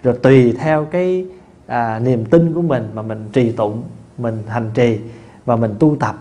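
A man, a Buddhist monk teacher giving a dharma talk in a folksy, conversational way, with many fillers and restarts and lively anecdotes. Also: medium pitch, unhurried, dull audio. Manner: tells lively anecdotes with laughter. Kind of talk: dharma talk answering questions.

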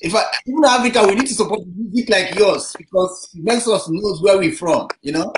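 A man's voice: sits high, fairly quick. A man hosting a talk show over a video call, affirming his guest with many "you know"s. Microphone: video call webcam. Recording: roomy webcam audio with background noise.

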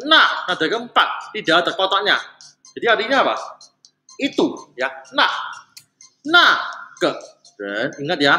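A Mandarin teacher giving a casual spoken lesson, who repeats phrases slowly for learners. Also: medium pitch, sharp tone. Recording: roomy echo with faint music.

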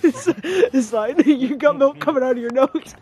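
High-voiced woman, casual and teasing. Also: unhurried, dark tone. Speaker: onlooker joining a challenge video. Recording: noisy handheld camera audio.

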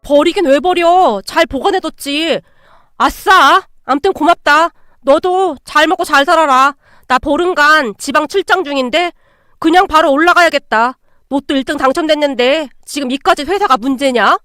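A woman voicing a hotheaded, greedy young ex-boyfriend who yells and makes demands in a spoken story. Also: extremely high pitch, expressive, moderate pace, no echo, studio quality, voice pushed up. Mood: excited. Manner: shouting, drunk and demanding.

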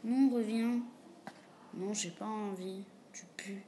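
Woman, casual YouTuber chatting with a chatbot at home; slow delivery, mellow tone, reads the bot's lines aloud and mutters her replies under her breath. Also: medium pitch, fairly even intonation, a little hiss or hum. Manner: often drops to a quiet, half-whispered mutter. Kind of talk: casual gaming commentary. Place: room at home with a door.

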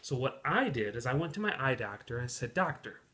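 A man in his thirties co-hosting a home travel vlog, explaining tips slowly and deliberately, with playful asides. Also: mid-range voice, big pitch swings, sharp tone. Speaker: vlog co-host. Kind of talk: casual chat. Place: living room at home.

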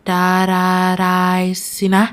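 A woman voicing a frail, gentle young nobleman. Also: lightly acted. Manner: slow, gentle, sincere.

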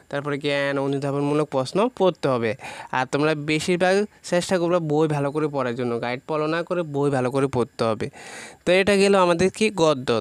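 A man teaching students, walking through an exam syllabus topic by topic in an informal way, with frequent pauses and fillers. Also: on the high side, clean tone, no room sound. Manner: talks directly to students, lists topics one by one with many pauses and fillers. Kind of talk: informal syllabus walkthrough lesson.

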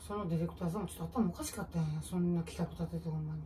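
A woman comedian with a Kansai accent, musing aloud in relaxed casual chat while she preps food, answering viewer comments. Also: on the low side, racing. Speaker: comedian and channel host. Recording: distant mic with faint kitchen noise.

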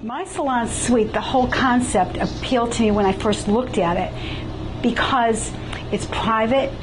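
A woman's voice: fairly high pitch, measured pace, slight background noise, rough recording. Older woman, enthusiastic salon owner. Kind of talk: testimonial interview. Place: small salon suite indoors.

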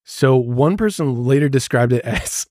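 A man's voice: mid-range voice, animated, a little slow, darkish tone, dry recording, clean studio sound. A man co-hosting a podcast, telling a story in casual chat and laughing often. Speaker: podcast co-host.

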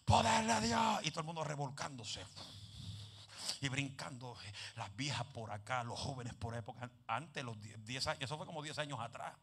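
A man preaching a lively Pentecostal sermon, telling stories and mixing in English phrases, dropping to soft asides and rising to shouts. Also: medium pitch, brisk, husky. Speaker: evangelist preacher.

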